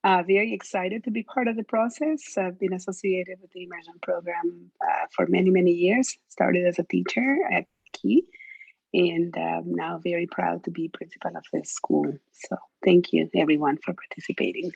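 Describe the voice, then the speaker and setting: A woman's voice: lowish voice, normal speed, gravelly, darkish tone, breathy edge, dry recording. A woman, a school principal, introducing herself with an upbeat, proud manner. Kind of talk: meeting introduction. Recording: dull, dry lo-fi sound.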